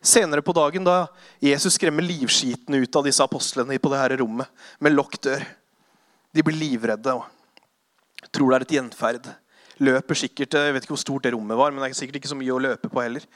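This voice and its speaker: A man preaching a sermon, retelling Bible stories with lively acted-out voices and sudden hushed passages. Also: medium pitch, dry recording, studio quality. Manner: animated storytelling, acting out voices, drops to hushed tones.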